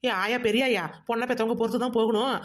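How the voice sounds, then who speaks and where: Woman doing a stern elder relative, quick talker, reasoning, audio drama. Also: a little high, level tone, lightly acted.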